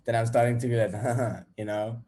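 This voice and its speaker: A man's voice: medium pitch, level tone, quick pace, mellow. A young man, talking casually and bluntly to viewers, swearing freely as he tells a story. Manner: candid, blunt and profane. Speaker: vlogger.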